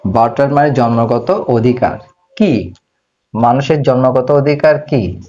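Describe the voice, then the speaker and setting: A man's voice: medium pitch, expressive, darkish tone. Man teaching English grammar. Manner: asks questions and answers them himself; slows down to spell out English words. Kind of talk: grammar lesson. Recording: slightly dull lo-fi audio.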